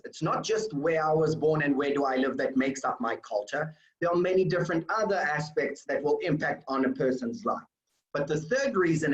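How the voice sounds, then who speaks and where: Man giving an echoey online training. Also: on the high side. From South Africa. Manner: explanatory, with fillers and restarts. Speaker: workplace culture trainer.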